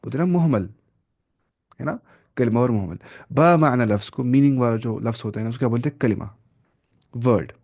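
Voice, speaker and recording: With a mid-range voice that carries vocal fry and a slight mellowness, a man teaches Arabic grammar online. He explains gradually, answers his own questions to the class, uses English terms, and reads Arabic words at a slow pace.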